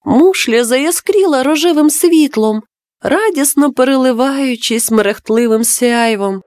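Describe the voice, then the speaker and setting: A woman's voice: high-pitched, a little slow, darkish tone, no echo. A woman narrating a bedtime story in a tender way, speaking directly and fondly to a child listener. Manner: tender, addresses the listener as "my little heart".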